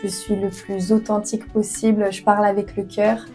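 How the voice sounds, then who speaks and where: A young Frenchwoman in her twenties, appearing as an author guest, answers interview questions earnestly but with many hesitations and fillers. Her mid-range voice is mellow and flat, at a normal pace, with faint music in the background.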